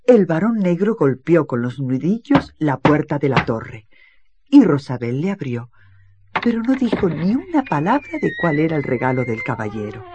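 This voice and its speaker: A storyteller giving an expressive reading of a children's fairy tale. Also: medium pitch, normal speed, dull audio, background noise. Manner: expressive, lively. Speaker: narrator. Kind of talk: storybook narration.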